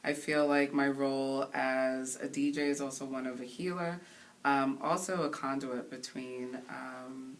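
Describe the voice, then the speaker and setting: Interview guest: woman DJ in her 30s from Haiti, unusually deep voice, earnest and reflective, recorded a little off-mic with light hiss. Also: steady tone. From Haiti, raised in the Bronx. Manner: thoughtful, earnest, pausing to find words. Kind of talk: casual interview. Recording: voice somewhat distant from the mic, faint hiss.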